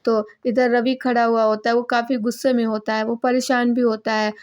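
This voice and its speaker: A woman's voice: on the high side, level tone, moderate pace, muffled recording. A woman narrating a recap of a television serial episode in a plain, running storytelling manner. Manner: plain, running retelling with small restarts.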